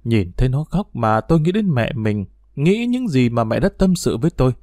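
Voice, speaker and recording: A man narrating a first-person story in a plain, steady way. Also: medium pitch, normal speed, no room sound, clean studio sound.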